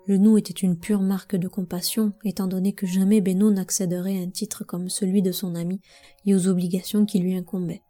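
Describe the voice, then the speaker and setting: Mellow-voiced woman reading a story. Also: mid-range voice, flat delivery, fairly quick, faint music behind. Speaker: audiobook narrator. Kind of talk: scripted narration.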